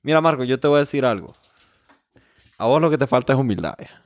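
A man's voice: medium pitch, animated, fast talker, no echo. A man, bantering and teasing his friends as a podcast co-host and quiz contestant. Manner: teasing, mock-formal. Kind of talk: casual banter among friends.

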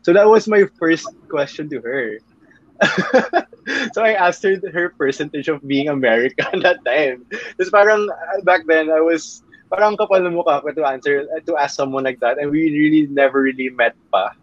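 Young Filipino man, chatty guest, giggly and rambling, slightly high voice, dry dull recording. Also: normal speed. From Philippines. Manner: giggly, rambling, code-switching. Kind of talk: casual chat.

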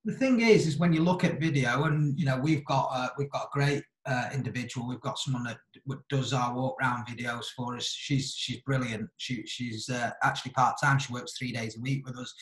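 A man talking casually on a podcast in a thoughtful, halting way, rephrasing as he goes, in an echoey room. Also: mid-range voice, fairly bright tone.

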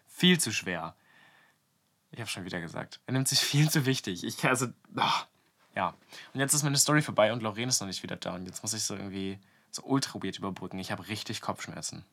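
A young man, co-hosting a casual podcast and telling a story in a lively, slangy way. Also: medium pitch. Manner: animated, slangy storytelling, acts out quotes loudly. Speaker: podcast co-host.

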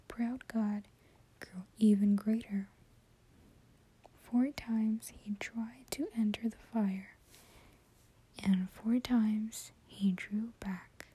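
A woman whispers a story at an unhurried, gentle pace, every word airy and breathy. Her hushed tone sits mellow and warm, close and soft, for a calm ASMR reading. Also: medium pitch. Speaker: channel host reading a story.

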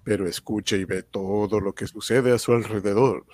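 A man narrating as an old radio serial announcer, solemn and deliberate in a dramatic scripted style. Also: on the low side, fairly even intonation, a little mellow, natural voice. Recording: vintage radio serial recording.

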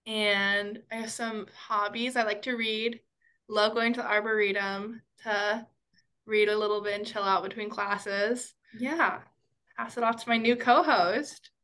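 A young woman from Indiana chatting as a new co-host. Her voice is bright and crisp, at an ordinary pitch. She talks easily, with some "um"s and "kinda"s. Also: fairly even intonation, a little slow. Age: young adult. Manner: easygoing, with "um" and "kinda" fillers. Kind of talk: casual chat.

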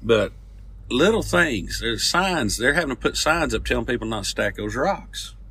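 A man's voice: mid-range voice, animated, moderate pace, pushed and bright, breathy edge. A middle-aged man with a Southern mountain drawl, chatting in a folksy way as a podcast co-host. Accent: Southern US, Smoky Mountains. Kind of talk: casual podcast chat. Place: inside a moving car. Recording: constant vehicle road noise.

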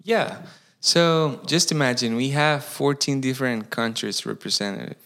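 A Costa Rican campus pastor, speaking English with a Spanish accent, tells his story in a casual interview in a medium-pitched, fairly bright voice at a slightly slow pace. He comes across as earnest and keeps restarting phrases as he reaches for English words.

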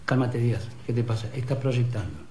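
An actor playing a worried husband trying to calm a colleague in a film scene. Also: male voice, medium pitch, a little fast, very noisy, natural voice. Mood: tense. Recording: echoey film audio.

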